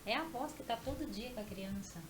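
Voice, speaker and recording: A woman podcast host and pastor who comments on a guest's story in a measured, teaching manner and asks rhetorical questions. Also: a little high, a little hiss or hum.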